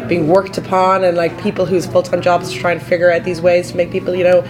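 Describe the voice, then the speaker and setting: A woman with a hoarse, croaky frog voice from a touch of flu, talking haltingly and thoughtfully as a guest in a casual interview. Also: fairly low pitch, monotone, over music. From Canada. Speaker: interview guest, credit union employee. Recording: busy conference chatter behind. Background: crowd at a conference.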